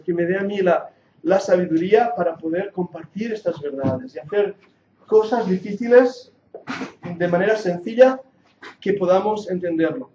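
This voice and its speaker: With a high voice and dark tone, a man in his forties from Catalonia, Spain, gives a sermon-like classroom lecture on the Bible, earnest and jokey before turning to emphatic preaching. His accent is Catalan Spanish mixed with English. It's recorded on a handheld or lapel mic in a muffled, echoey hall, with a little hiss or hum.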